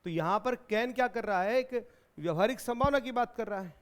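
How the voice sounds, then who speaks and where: A man's voice: high-pitched, fairly quick. A man from India teaching an exam-prep English grammar lesson in Hindi, explaining and repeating questions back to his students.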